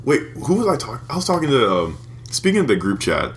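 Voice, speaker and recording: A man's voice: medium pitch, sing-song, fast, a little hiss or hum. A man in his twenties co-hosting a podcast, telling crude stories in a rambling, casual way and laughing often. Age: 20s. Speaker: podcast co-host. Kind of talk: casual chat.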